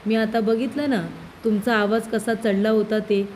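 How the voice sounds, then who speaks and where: A woman's voice: on the high side, steady tone, normal speed, a little mellow, a little hiss or hum, natural voice. A woman reading out the lines of a sensible wife who reasons and reproaches her husband. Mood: reproachful. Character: sensible wife and mother, calm but firm.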